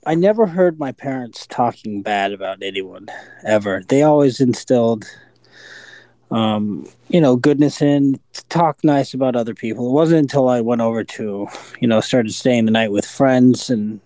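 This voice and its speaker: A man's voice: medium pitch, normal speed, warm tone, no echo, rough recording. Reflective hesitant man, dry close voice. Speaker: recovery podcast co-host. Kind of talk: casual sharing in group talk.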